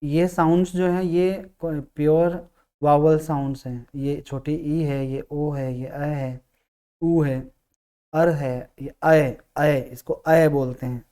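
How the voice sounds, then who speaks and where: A man teaching English grammar, explaining patiently, repeating key words and sounding out vowels slowly. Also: a little high, fairly even intonation, dark tone, smooth. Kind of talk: classroom-style explanation.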